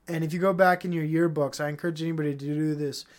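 A man's voice: fairly high pitch, steady tone, fast talker. A young man hosting a solo podcast, ranting in a profane, heated way, then trailing off into mumbles. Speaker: podcast host.

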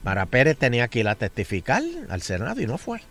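A Puerto Rican man hosts a casual talk radio show with a very animated delivery. His pitch swings widely as he rambles, stammers and repeats his words. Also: quick pace, creaky, faint music behind.

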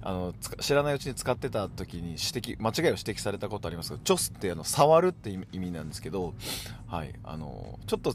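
A man's voice: lowish voice, slight background noise. A man with a Hokkaido accent hosting a casual solo podcast, chatting along and dropping in short affirmations. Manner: chatty, dotted with "hai" affirmations. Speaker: podcast host.

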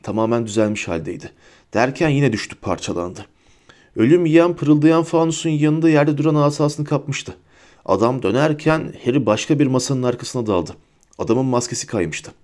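A man narrating a fantasy audiobook in a lively storytelling manner. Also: normal speed. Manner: lively storytelling, pitches up for characters' shouts.

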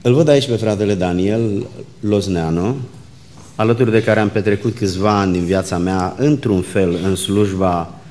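Solemn low-voiced male pastor. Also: darkish tone, slight background noise. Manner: measured, solemn reading that slows into fervent prayer. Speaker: visiting pastor. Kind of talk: scripture reading, prayer and church greeting. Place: church sanctuary. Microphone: microphone.

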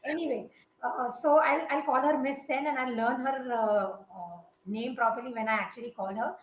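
High-voiced emphatic woman host. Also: moderate pace, reverberant, slight background noise, low-quality recording. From India. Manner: emphatic, opinionated. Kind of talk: casual live-stream chat.

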